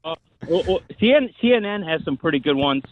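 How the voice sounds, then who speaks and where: A man's voice: fairly high pitch, expressive, fast talker, dull audio, slight background noise. A man calling in to a podcast, hesitant and stammering, with many uhs. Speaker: caller. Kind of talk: call-in chat.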